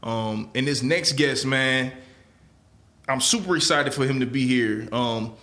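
A man hosting a podcast, talking in a relaxed, casual way and often tossing in filler phrases while he speaks. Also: medium pitch, a little slow. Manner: laid-back, repeats "man" and "you know what I'm saying". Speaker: podcast host.

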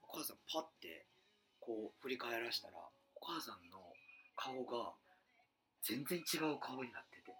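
A man's voice: mid-range voice, very animated, a little slow, sharp tone. A man with a Kansai accent telling a spooky story in casual chat, acting out quotes and dropping into whispers. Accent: Kansai Japanese. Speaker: radio show co-host.

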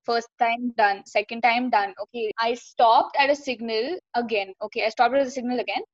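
A young woman, telling an animated story in casual chat and swearing freely. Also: a little high, normal speed, no echo, highs cut off. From India. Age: young adult.

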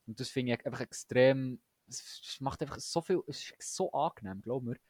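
A young man chats with lots of enthusiasm and slang, often breaking off and restarting. His voice sits at a middle pitch. The recording is dry and close, with no room sound. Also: moderate pace, darkish tone, no echo. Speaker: podcast co-host. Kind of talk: casual chat.

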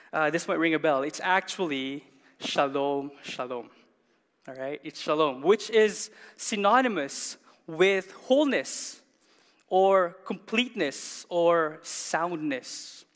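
Male pastor, higher voice, emphatic sermon delivery, church reverb. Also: fairly bright tone. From Canada. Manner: emphatic, repeats words for stress, asks the congregation questions. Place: church hall.

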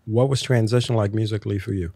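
Interview host from Nigeria, conversational, curious, dry close recording. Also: male voice, on the low side, steady tone, quick pace, dark tone, breathy edge, no room sound. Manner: curious, explanatory questions.

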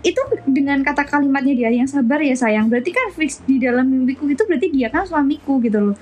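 A woman's voice: high voice, animated, fast talker, darkish tone. A young woman, telling a story animatedly as co-host of a casual chat. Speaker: podcast co-host.

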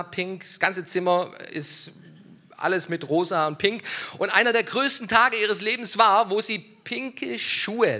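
A middle-aged man preaching a sermon as pastor, swinging from loud emphasis to hushed near-whispers. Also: high-pitched.

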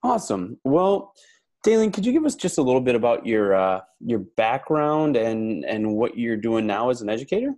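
A man from Wisconsin, a teacher and coach, hosting a casual podcast interview in a relaxed, friendly way. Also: medium pitch, moderate pace. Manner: relaxed, friendly, lots of fillers.

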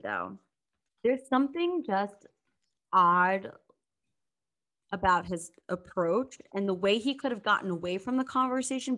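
A woman's voice: mid-range voice, fairly bright tone. A young woman co-hosting a podcast, chatting casually and telling a story with lots of laughter. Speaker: podcast co-host. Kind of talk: casual chat recapping a reality show.

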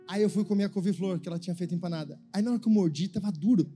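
A man with a Brazilian Portuguese accent preaching a sermon as a pastor. He tells a story quietly, then breaks into a sung, shouting preaching cadence. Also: high-pitched, racing, soft background music.

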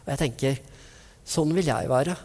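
A man's voice: medium pitch, darkish tone. A man preaching a sermon, retelling stories vividly and acting out the people in them. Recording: long reverb of a large hall.

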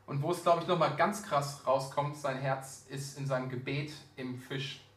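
A man preaching a sermon to a congregation, telling the story in a lively, colloquial way. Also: medium pitch, moderate pace. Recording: roomy echo, distant mic.

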